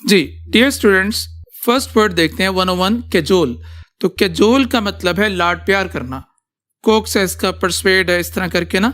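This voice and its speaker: A man's voice: sits high, normal speed, fairly bright tone. A male teacher giving a classroom vocabulary lecture, switching between Urdu and English and often checking that his students follow. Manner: checks understanding often, calls students "beta".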